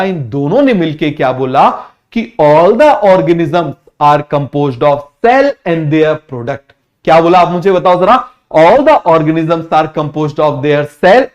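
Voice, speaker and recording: A high-voiced male biology teacher gives a casual online exam-prep lecture. He drills students with repeated call-and-response questions and mixes English science terms into his relaxed talk.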